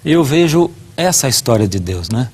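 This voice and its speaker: A middle-aged man speaks as a guest preacher, his voice a little husky and breathy at mid pitch. He tells a family story with earnest warmth of purpose and acts out the lines of each person. It is a devotional talk in a conversational setting. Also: sing-song, normal speed.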